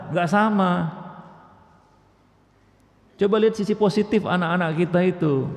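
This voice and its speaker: A man's voice: a little high, darkish tone. A man giving a mosque lecture, asking his listeners rhetorical questions and often saying "ya, nah demikian". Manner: repeats filler "ya, nah demikian". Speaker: preacher. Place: mosque hall. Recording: echoey mosque hall, dull sound.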